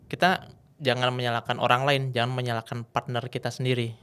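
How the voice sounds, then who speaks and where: A man's voice: medium pitch, a little fast, clean tone. A man, a guest speaker and MC, telling stories in a casual podcast chat and acting out the scenes. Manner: lively storyteller, acts out scenes.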